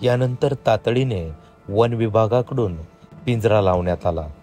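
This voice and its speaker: A man reporting the news in a measured, formal voice-over. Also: fairly low pitch, dark tone, faint music behind.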